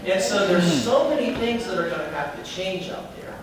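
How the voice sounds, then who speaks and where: Addressing a meeting for an advocacy group, a Southern-accented man keeps his informal talk chatty and regularly asks the audience questions. He speaks at a normal speed in a high-pitched voice with lively intonation, recorded from a distant mic in an echoey room with crowd noise in the background.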